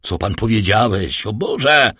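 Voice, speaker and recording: A man's voice: fairly low pitch, animated, unhurried, sharp tone, slightly rough, dry recording, studio quality, heavily acted. A man voicing a distraught nobleman father in an audiobook, calling out raised, pleading and panicked. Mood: anguished. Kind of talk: audiobook character reading.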